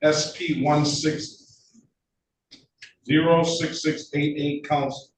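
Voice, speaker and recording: A man presiding as judge in a courtroom recording of a video-call hearing, brisk and procedural, reading case numbers out slowly. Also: fairly high pitch, little pitch movement. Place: judge's meeting room. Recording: echoey room, distant mic, faint hiss.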